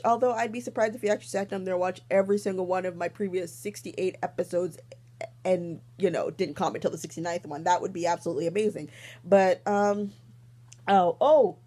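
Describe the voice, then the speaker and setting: A young adult woman hosts a podcast, rambling casually with plenty of ums and little laughs. Her mid-range voice is warm and very animated, moving at a moderate pace.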